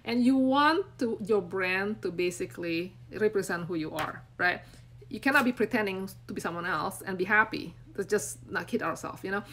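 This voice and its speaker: An Indonesian woman in her forties, a brand coach, talks unscripted to viewers on a live stream from her phone, held at arm's length in a small room. Her voice is medium-pitched and fairly bright, at a moderate pace, and she rambles earnestly with lots of fillers and encouragement.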